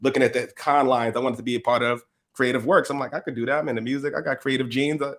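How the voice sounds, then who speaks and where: Male guest, rapid casual storyteller who voices the people in his stories. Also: medium pitch. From USA. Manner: lively, slangy, acts out quotes, laughs often.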